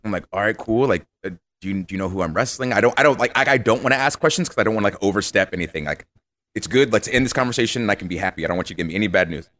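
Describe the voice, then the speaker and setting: A man's voice: on the low side, very fast. A man, a podcast guest, telling stories in a casual interview and acting out the voices of the people he quotes. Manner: animated, acts out quoted voices.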